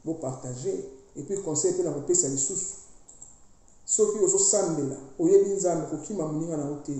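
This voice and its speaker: A woman with a deep, mellow voice preaches at a normal speed, playing the role of a priestess exhorting her online followers. She is insistent and emphatic, mixes languages freely, and is recorded in a very echoey room.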